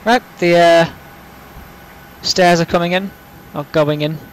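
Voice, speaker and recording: A man's voice: high voice, fairly even intonation, unhurried, rough recording. A man giving casual, rambling, self-deprecating gameplay commentary as a flight sim host, saying w for r. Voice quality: can't pronounce R's properly, says w for r.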